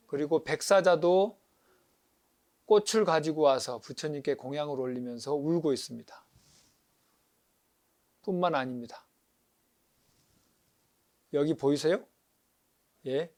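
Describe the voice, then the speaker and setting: A man, a Buddhist monk, giving a lively lecture on paintings, acting out sounds and asking his listeners questions. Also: a little high. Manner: animated, acts out crying animals, asks audience questions.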